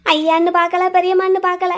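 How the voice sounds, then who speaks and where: A woman's voice: very high voice, flat delivery, quick pace. A woman voicing a fretful, protective old grandmother in a cartoon drama, lamenting and exclaiming. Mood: worried. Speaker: grandmother called Aachi. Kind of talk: cartoon voice acting.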